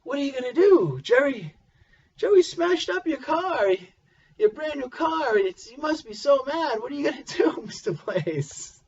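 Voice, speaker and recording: A man voicing a nosy, excitable teenage boy who is shocked and squeaky. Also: measured pace, distant mic, heavily acted. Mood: shocked excited. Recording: dull lo-fi recording.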